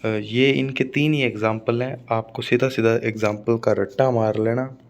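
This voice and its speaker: A man's voice: mid-range voice, steady tone, moderate pace. A male English teacher with a Rajasthani Hindi accent, giving an exam-prep phonetics lesson and repeating each word with "है ना" checks. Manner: explains by repeating words and asking "है ना".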